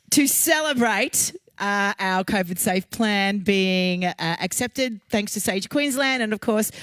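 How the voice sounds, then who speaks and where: Upbeat woman host, mid pitch, dry close sound, enthusiastic. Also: fairly bright tone, no echo. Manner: bubbly and enthusiastic, gushing with praise. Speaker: show host. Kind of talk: casual chat and presenting.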